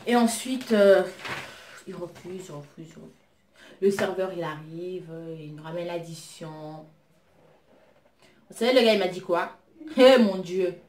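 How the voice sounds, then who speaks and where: A woman chatting casually as she tells a story about her own life, retelling what she said with an indignant, lively edge. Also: fairly low pitch, measured pace, long pauses, slight background noise. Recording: roomy echo.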